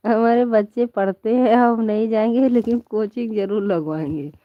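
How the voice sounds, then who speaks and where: Slow chatty woman live streaming from bed, dull dry phone sound. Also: fairly high pitch, no room sound. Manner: chatty and playful, laughs often, calls viewers "my child". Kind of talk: casual live chat with viewers. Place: at home in bed under a quilt.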